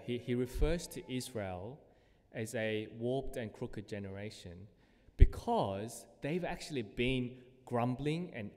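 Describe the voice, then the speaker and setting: A man's voice: mid-range voice, a little mellow. A man preaching a sermon in a conversational way, with casual fillers and quoted scripture read aloud with growing emphasis. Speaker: pastor. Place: church hall. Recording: long hall reverb.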